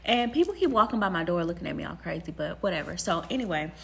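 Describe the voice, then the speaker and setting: A young woman talking quietly, half-whispering, as she shares advice from an empty classroom. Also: on the low side, expressive, fast, creaky. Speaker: vlogger. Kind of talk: casual spoken advice.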